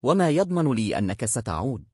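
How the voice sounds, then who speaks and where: A proud, quick-tempered king barks his orders in a stern, commanding voice, as a man reads him aloud. The tone is husky and the pitch swings widely. The sound is dry and close. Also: very animated, mellow, no echo. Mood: scornful.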